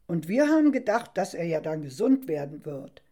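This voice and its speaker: A woman's voice: lowish voice, big pitch swings, normal speed, mellow. A woman voicing the apostle Peter, an earnest grown man who explains things patiently, in a storybook reading.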